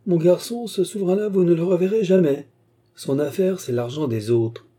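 A man reading aloud, voicing a cheerful, teasing male painter in a husky, dark voice. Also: mid-range voice, animated, moderate pace. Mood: amused. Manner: breezy, teasing.

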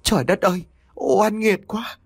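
A man voicing a grief-stricken middle-aged mother with a high, strained wail. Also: animated, brisk, slightly rough, dry recording. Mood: anguished.

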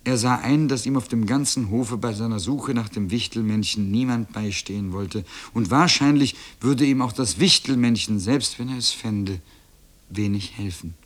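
Male narrator for a storybook reading: calm, measured, mid-pitched, husky. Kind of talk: reading a children's book aloud.

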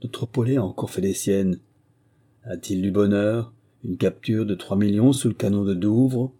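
A man voicing a bustling, hurried male innkeeper in an audiobook reading, speaking in a chatty, rushed way. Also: on the low side, mellow. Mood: excited.

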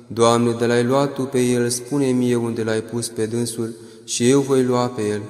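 A man's voice: medium pitch, flat delivery, darkish tone, echoey room, big-room sound, faint music behind, natural voice. A male reader voicing a grieving, pleading woman in a solemn liturgical reading. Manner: solemn, measured.

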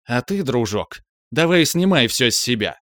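A man's voice: mid-range voice, lively intonation, normal speed, no echo, studio quality, pitched above the performer's own voice, natural voice. A man voicing a scheming young female assassin who gives nervous, impatient commands in an audiobook. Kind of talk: audiobook character voice.

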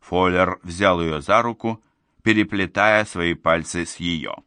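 A man narrating an audiobook in a steady, measured storytelling manner. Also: low-pitched, clean tone, dry recording, clean studio sound. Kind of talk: scripted narration.

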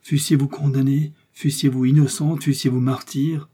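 A man's voice: medium pitch, flat delivery, normal speed, dark tone, slightly rough, voice pushed up, natural voice. A man reading aloud and voicing a grave, devout young officer who speaks solemnly.

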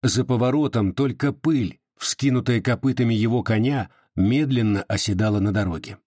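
A man reads a classic novel aloud in a measured, even manner. His voice is husky and mid-pitched, recorded dry and close. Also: no echo. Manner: steady, measured reading. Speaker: audiobook narrator. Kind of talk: literary audiobook narration.

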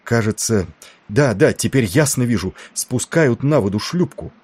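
Man doing an excited young lookout boy. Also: mid-range voice, breathy edge, no room sound, voice pushed up. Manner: excited, quick reporting.

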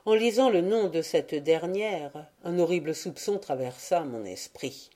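A woman narrating a classic tale for an audiobook in a measured, expressive reading. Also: fairly low pitch. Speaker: audiobook reader.

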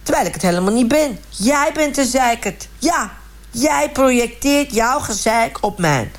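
A woman's voice: on the high side, lively intonation, a little slow. A woman voicing a chatty, self-righteous middle-aged village man who rambles indignantly in a comic radio sketch. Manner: rambling, indignant, repeats "hartstikke" and "gewoon".

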